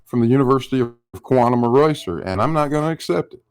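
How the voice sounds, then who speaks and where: A man with a thick Southern American accent and a bassy voice argues in a close, dry sound. He is confrontational and insistent, talking down to his opponents in an informal debate. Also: animated, fast, darkish tone, smooth, dry recording. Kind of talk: heated informal online debate.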